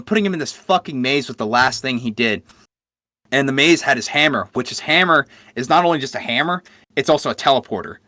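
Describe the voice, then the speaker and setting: A man's voice: on the high side, pushed and bright, no echo. A man co-hosting a podcast, telling game lore in a profane, enthusiastic casual chat. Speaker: podcast co-host.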